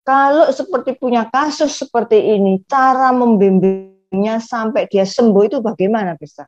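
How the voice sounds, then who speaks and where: A woman's voice: fairly high pitch, moderate pace, a little mellow, faint music behind. Lady on a video call telling a story, repeats herself a lot, kinda muffled sound. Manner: repeats phrases, speaks earnestly. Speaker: congregant asking a question. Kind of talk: storytelling in an online Q&A.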